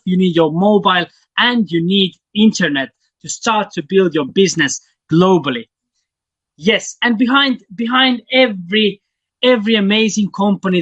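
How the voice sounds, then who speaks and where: A man from Estonia, not an English speaker, giving an enthusiastic, halting business presentation to an online audience. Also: a bit bright, dry recording, muffled recording. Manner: halting, enthusiastic sales pitch with fillers.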